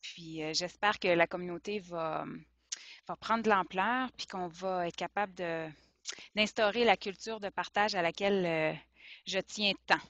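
A woman's voice: fairly low pitch, unhurried, a bit bright, no echo. Woman teacher, dry close sound. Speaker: French teacher and program lead. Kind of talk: meeting remarks. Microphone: video call.

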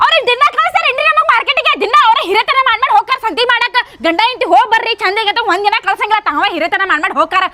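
A woman's voice: very high-pitched, racing, few pauses, very noisy. A woman, playing a defiant, quarrelsome wife in a comedy skit.

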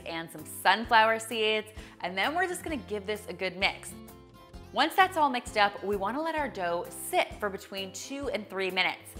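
A woman's voice: on the low side, bright, forceful tone. A woman in her thirties hosting a cooking show, chatty and upbeat as she walks viewers through a recipe in a kitchen studio. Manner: bubbly and chatty, addresses viewers directly. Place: bright home kitchen studio.

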